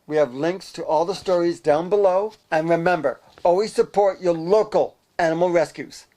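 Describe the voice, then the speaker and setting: A man co-hosting a comic animal news show, delivering jokes deadpan. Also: sits high, moderate pace. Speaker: co-host. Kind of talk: joking news banter.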